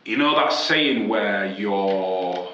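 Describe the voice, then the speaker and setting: A young man with an East Yorkshire accent, a rapper chatting as a guest in a relaxed interview and leaning on "like" and "you know what I mean". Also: lowish voice, drawn-out words. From Hull, England. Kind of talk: casual interview chat. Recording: echoey room, dull lo-fi sound.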